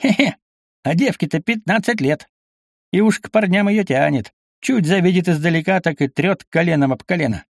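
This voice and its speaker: A narrator puts on a merry, half-drunk older nobleman from a storybook, loud and teasing, his voice pushed higher than the reader's own. He is recorded close and dry, with no room sound. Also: very animated, moderate pace, no echo. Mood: jovial. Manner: boisterous, teasing, sentimental when drunk. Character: tipsy jovial older nobleman, boisterous father.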